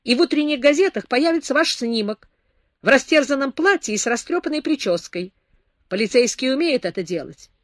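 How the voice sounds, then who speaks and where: A woman reading a stern, sarcastic man who lectures a drunk young woman, with a loud, raised delivery. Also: high voice, lively intonation, brisk, no echo, clean studio sound, pitched above the performer's own voice. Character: stern scornful man scolding a drunk girl.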